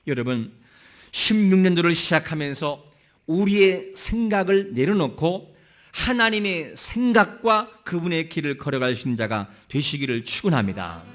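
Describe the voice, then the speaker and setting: Korean-language sermon guy, pitch jumps all over, slightly high voice, keeps asking the crowd questions. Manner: animated, asks the congregation rhetorical questions. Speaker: pastor.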